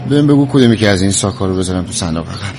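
An actor with an Iranian accent playing a cautious, fussy but good-hearted husband in a TV drama. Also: male voice, sits low, expressive. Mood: busy. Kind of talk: Persian television drama acting. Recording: noisy drama soundtrack.

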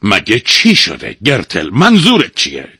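A man voicing a fussy, flustered middle-aged master who asks raised, drawn-out astonished questions. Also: high voice, fairly bright tone, dry recording, studio quality, pitched above the performer's own voice.

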